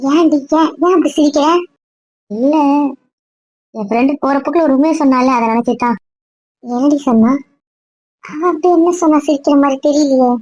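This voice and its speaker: A woman with a higher voice talks in a chatty, teasing way in an amateur web drama. Her voice sounds dull and lo-fi, close and dry. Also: moderate pace, long pauses, darkish tone, no echo. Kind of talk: amateur web series acting.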